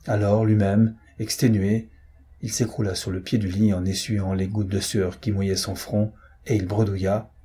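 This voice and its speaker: A man narrating an audiobook in a measured, grave storytelling manner. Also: on the low side, level tone, dark tone, slight background noise. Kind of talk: scripted narration.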